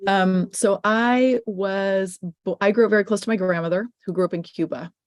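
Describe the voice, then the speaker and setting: A woman's voice: medium pitch, fairly even intonation, moderate pace, darkish tone, dry recording, studio quality. A middle-aged woman, a filmmaker answering questions in an online panel, speaking thoughtfully and restarting phrases. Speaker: guest filmmaker.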